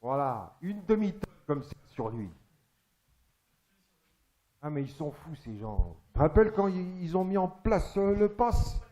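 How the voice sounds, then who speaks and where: Brief: male stand-up comic, slightly high voice, crude and chatty, works the crowd. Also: big pitch swings, measured pace, dark tone. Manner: chatty, crude, teasing the audience. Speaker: stand-up comedian. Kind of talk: stand-up comedy monologue. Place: theatre stage.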